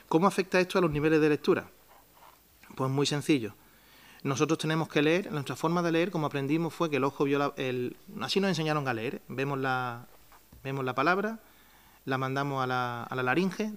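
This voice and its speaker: Spanish man presenting at a press conference. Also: fairly high pitch. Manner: explains step by step with many restarts and fillers; asks himself rhetorical questions and answers them. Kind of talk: explanatory press-conference talk. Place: town hall press room.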